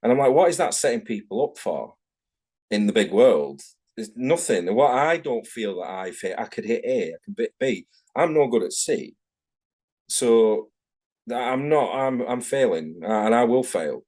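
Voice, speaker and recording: Very animated at a moderate pace, a middle-aged man with a mid-range, darkish voice and a Manchester English accent guests as a tattoo artist on a casual video-call interview. He rambles frankly and keeps correcting himself.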